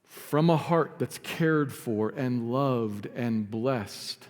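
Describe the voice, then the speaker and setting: A man preaching a sermon as pastor, earnest, sometimes dropping to a soft, quiet emphasis. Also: medium pitch, very slow, big-room sound. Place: church sanctuary.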